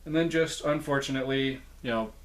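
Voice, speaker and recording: Male collector-presenter, mid-pitched voice, casual show-and-tell delivery, chatty, informal, self-correcting. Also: brisk, poor audio. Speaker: presenter showing a puppet collection.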